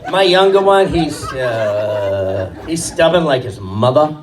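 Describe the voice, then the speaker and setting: A man doing stand-up, telling animated stories about his kids and acting out their voices. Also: medium pitch, takes it slowly, crowd noise. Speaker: stand-up comedian and father. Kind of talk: stand-up storytelling. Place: comedy stage before a live crowd. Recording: distant stage mic, audience laughing.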